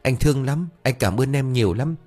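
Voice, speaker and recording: A man's voice: mid-range voice, animated, fairly quick, a little mellow, husky, soft background music, pitched above the performer's own voice. A man voicing a flustered, scatterbrained young husband who rambles and blusters. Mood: blustering.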